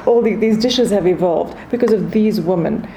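A woman from South Africa's east coast, with a Durban Indian accent, speaks at normal speed in a mid-range, dark-toned voice. As a podcast guest and food and wine expert, she explains things thoughtfully in a conversational interview. There's a little hiss or hum in the audio.

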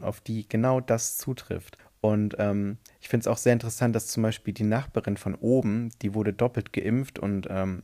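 A man's voice: lowish voice, warm tone. A man giving a casual opinion monologue, speaking hesitantly as he searches for words and corrects himself.

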